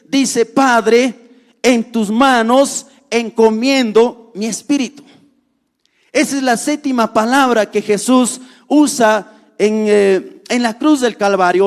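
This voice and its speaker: High-voiced preaching man in reverb. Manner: earnest preaching, repeats key phrases slowly for stress. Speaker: pastor. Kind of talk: sermon.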